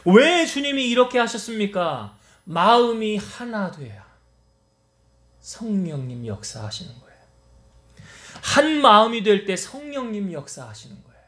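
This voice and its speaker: A man's voice: sits high, very animated, a little slow, long pauses, fairly bright tone. A male pastor preaching a Wednesday service sermon and acting out the lines of the people in his story. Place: church sanctuary. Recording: echoey church hall.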